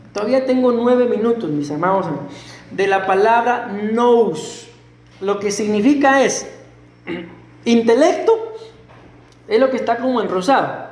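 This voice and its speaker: A middle-aged man preaching a sermon as pastor, animated and full of rhetorical questions to the congregation. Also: extremely high pitch. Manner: acts out quoted voices and a stutter. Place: church sanctuary. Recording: echoey church hall.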